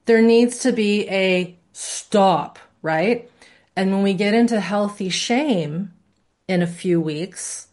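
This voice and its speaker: A woman's voice: mid-range voice, slow pace, a little mellow. A woman instructor teaching a live class in a conversational way, often checking in with her students. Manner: conversational, asks the class questions, demonstrates voices. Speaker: course instructor.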